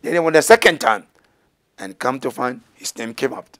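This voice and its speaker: Animated male religious storyteller. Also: medium pitch, moderate pace. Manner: animated storyteller, gesturing, acting out quoted voices. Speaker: religious teacher. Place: studio set with banners, indoors.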